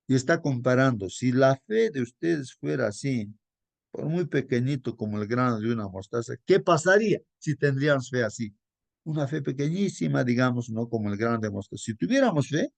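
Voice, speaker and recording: Gravelly man teaching a Bible lesson. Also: no room sound. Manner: addresses listeners as brothers, asks rhetorical questions; pitch jumps up for emphasis, drops soft on asides. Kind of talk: sermon-style Bible lesson.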